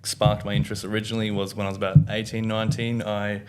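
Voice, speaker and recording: Young male guest, low voice, relaxed and easygoing. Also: fast talker. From Australia. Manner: relaxed, laughs easily, lots of "um". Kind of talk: casual podcast interview.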